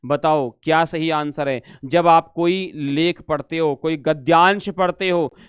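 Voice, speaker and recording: A man's voice: on the high side, a bit bright, clean tone, no echo, studio quality. A male teacher giving a live exam-prep lesson, reading Sanskrit questions aloud, then explaining them in Hindi and coaxing students to answer. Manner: calls students "beta".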